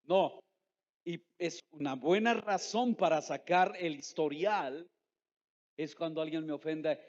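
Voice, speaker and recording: A pastor delivers an emphatic sermon in a fairly high male voice, firing questions at the congregation and drawing out words he wants to land. The sound is dull and lo-fi, with a long church reverb trailing behind him. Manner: slows down to stress key words. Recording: echoey hall, dull lo-fi sound.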